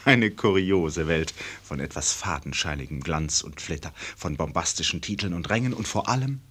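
A man's voice: sits low, fairly bright tone, full character voice. A male actor playing a wry, urbane narrator of a satirical radio play, with ironic, literary delivery. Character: wry, urbane storyteller of a satirical court tale.

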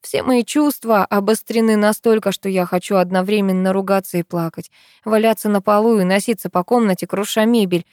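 A woman's voice: medium pitch, steady tone, brisk, darkish tone, no echo, clean studio sound. A woman reading a first-person story aloud in an earnest, emotional way.

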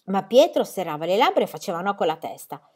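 A woman reading a children's story aloud, calm and expressive. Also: mid-range voice, fast. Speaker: reader. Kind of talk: audiobook reading.

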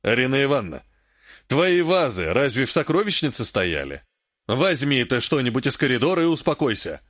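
A man reading an audiobook, voicing an emperor who speaks softly and in a measured way. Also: medium pitch, very animated, no room sound, studio quality. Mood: mild placating. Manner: soft, placating, measured. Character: calm, mild-mannered male emperor, later irritated.

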